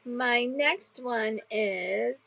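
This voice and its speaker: A woman co-hosting a casual chat, talking chattily and hesitantly with many pauses and fillers. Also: a little high, vocal fry, fairly bright tone, no echo, low-quality recording. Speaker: co-host.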